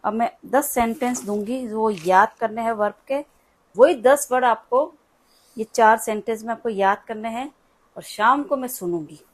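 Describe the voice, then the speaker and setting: Woman, 30s, patient chatty home tutor, slightly high voice. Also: normal speed. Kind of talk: casual home lesson.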